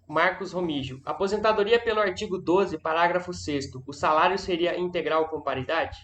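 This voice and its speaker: A man's voice: a little high, fairly quick, fairly bright tone, a little hiss or hum. A man moderating a live session, reading out viewer questions and giving brief acknowledgments between them.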